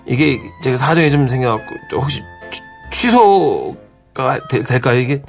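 A man's voice: mid-range voice, lively intonation, normal speed, creaky, soft background music, voice pushed down. A man voicing a timid, gullible brother-in-law in a radio comedy skit, stammering and panicking.

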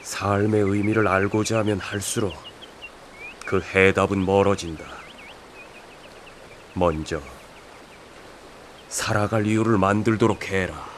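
A man's voice: lowish voice, fairly even intonation, unhurried, pauses often, slight background noise, close to an everyday voice. A man playing a stern, ancient wizard master in a radio drama, solemnly admonishing his pupil.

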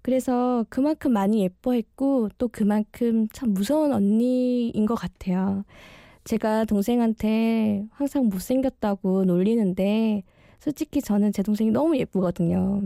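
A woman's voice: on the high side, normal speed, gravelly, warm tone, dry recording, studio quality. A woman in her early thirties hosting late-night radio as an amateur guest DJ, bashful and sincere, with slightly slurred articulation from dental braces. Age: early 30s. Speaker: one-day guest radio DJ. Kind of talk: late-night radio talk, personal monologue.

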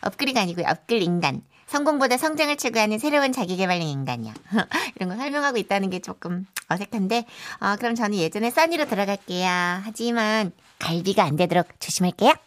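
A woman's voice: medium pitch, sing-song, fast talker, few pauses, natural voice. A young woman acting a cheeky new office employee in a radio comedy skit, talking breezily and full of slang. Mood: casual. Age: young adult.

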